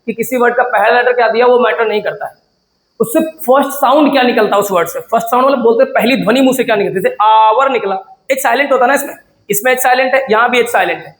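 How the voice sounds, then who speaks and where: A man teaching an English grammar lesson, asking questions and answering them himself, and repeating words slowly to model pronunciation. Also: very high-pitched, fairly bright tone, reverberant, low-quality recording. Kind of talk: classroom lesson.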